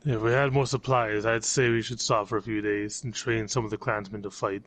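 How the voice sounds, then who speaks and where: A man's voice: on the low side, steady tone, a little fast, a bit bright. A young man chatting casually with a friend while playing a story game, reasoning out choices. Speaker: co-player. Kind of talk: casual chat during a game.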